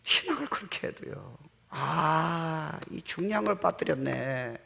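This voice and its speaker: A middle-aged male pastor preaching a sermon in a church, animated, slipping in English phrases and shouting amens. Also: a little high, creaky, breathy edge, big-room sound. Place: church sanctuary.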